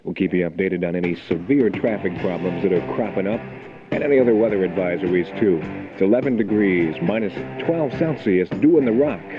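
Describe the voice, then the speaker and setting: On a morning rock radio show, a deep-voiced man talks briskly in laid-back, conversational album rock DJ patter, reading local announcements from a radio studio. It's a muffled, phone-like 1980 aircheck with music behind him.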